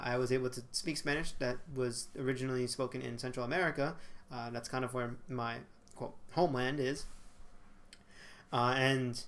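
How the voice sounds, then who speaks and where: In a small bedroom, a twenty-something vlogger speaks casually into his webcam with a mid-range, fairly bright voice. He keeps using fillers and correcting himself as he goes.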